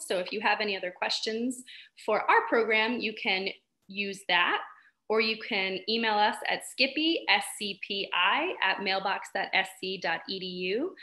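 A woman hosts a webinar over a video call, with a bright, sharp-edged tone. She talks in an upbeat, chatty way with frequent ums. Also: mid-range voice. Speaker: webinar host. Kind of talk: hosting an online training.

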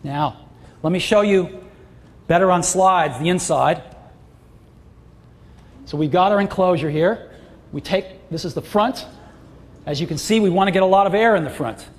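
A man's voice: high voice, moderate pace, long pauses. A middle-aged man giving a product launch keynote on a large auditorium stage, with emphatic, enthusiastic salesmanship. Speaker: keynote presenter. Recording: long hall reverb, faint crowd.

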